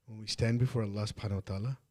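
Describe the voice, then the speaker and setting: A man co-hosting a podcast, speaking earnestly and reflectively in casual chat, slowing down to stress his points. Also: on the low side, fairly even intonation, darkish tone. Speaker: podcast co-host.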